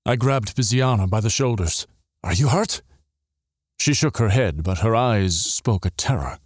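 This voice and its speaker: A man narrating a dramatic first-person story with expressive, emotional delivery. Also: fairly low pitch, normal speed, no echo, studio quality. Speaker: audiobook narrator.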